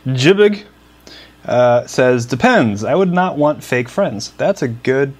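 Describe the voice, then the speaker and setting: A man's voice: mid-range voice, animated, slow. Young man, casual podcast co-host, rambling delivery with filler words. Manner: rambling, many restarts and fillers. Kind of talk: casual chat.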